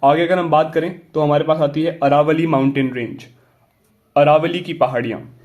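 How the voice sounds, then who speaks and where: A young man with a somewhat high voice teaches an exam geography lesson. He explains in a loose, chatty way, keeps asking whether the point is clear, and slips English phrases into his talk. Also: fairly even intonation, moderate pace, narrow, tinny audio. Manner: repetitive checking questions, mixing Hindi and English.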